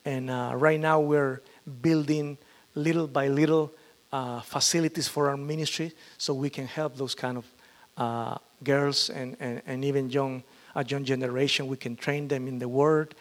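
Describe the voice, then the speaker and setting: Pastor, halting delivery. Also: male voice, medium pitch, fairly even intonation. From Peru. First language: Spanish. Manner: halting, with frequent fillers and restarts. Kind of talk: testimony sermon.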